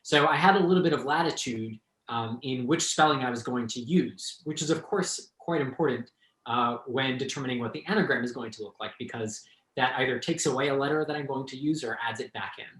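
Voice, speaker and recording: A man's voice: mid-range voice, fairly quick, fairly bright tone, roomy sound, rough recording. A man speaking as a translator in a conversational talk, thoughtful and hesitant with many fillers.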